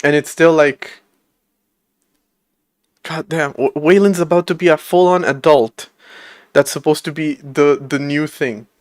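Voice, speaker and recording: This man's voice is on the high side, measured in pace with frequent pauses, recorded dry with clean studio sound. He's a livestreamer in his late twenties coding an operating system from a room at home, chatting casually with plenty of rambling, self-mockery, and laughter.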